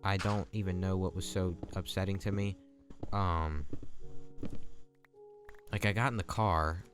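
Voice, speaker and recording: Over background music, a young man who hosts a gaming channel tells a long, rambling story while he plays. His voice is low and steady, and he speaks at a measured pace in a chatty, casual way.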